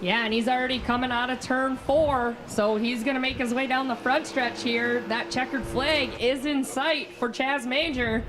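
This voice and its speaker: A woman's voice: sits high, steady tone, moderate pace, few pauses. A woman co-commentating live on a race in a conversational sports broadcast style. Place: broadcast booth at a racetrack. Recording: background noise at outdoor race.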